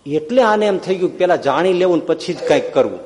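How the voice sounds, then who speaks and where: A man's voice: fairly high pitch, expressive, fast talker, darkish tone. A man narrating a devotional story with dramatic, passionate bursts. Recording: long hall reverb.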